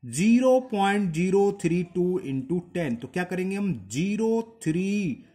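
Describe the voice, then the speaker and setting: A man's voice: high voice, expressive, unhurried, warm tone. A man working through textbook maths exercises aloud as a teacher, counting decimal places and checking in with his students.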